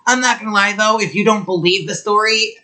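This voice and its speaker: A man's voice: high-pitched, fairly quick, sharp tone. A young man co-hosting a podcast, chatting casually and telling a story with lots of fillers. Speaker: podcast co-host. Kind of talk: casual chat.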